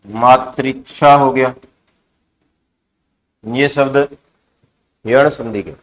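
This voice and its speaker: A man's voice: mid-range voice, fairly even intonation, very slow. A male teacher giving a grammar lesson, who asks the class questions, answers them himself and repeats key words.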